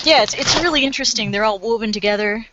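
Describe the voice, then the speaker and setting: A woman's voice: a little high, quick pace, lo-fi sound, background noise. Hesitant woman improvising in character. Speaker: player. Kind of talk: in-character tabletop role-play.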